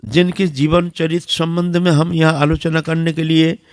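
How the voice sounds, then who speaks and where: A man's voice: fairly high pitch, little pitch movement, moderate pace, no echo, clean studio sound. A man with a Bengali accent giving a devotional discourse, telling a story and chanting Sanskrit verses. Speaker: devotional speaker.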